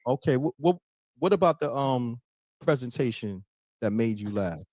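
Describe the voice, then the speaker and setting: A man's voice: mid-range voice, lively intonation, moderate pace, a little mellow, slight background noise. A man hosting a live call-in show, talking casually and hyping up his audience. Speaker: livestream host taking calls. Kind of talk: casual hype talk show.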